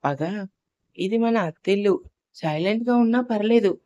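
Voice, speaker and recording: A woman's voice: moderate pace, mellow, no room sound, highs cut off, natural voice. Woman voicing a coaxing young man. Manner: coaxing, low-key. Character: young man, easygoing brother-in-law.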